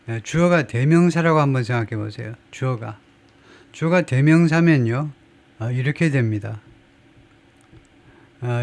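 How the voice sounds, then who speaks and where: A man lecturing as an English teacher, walking through newspaper sentences, asking rhetorical questions and repeating key points as he goes. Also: medium pitch.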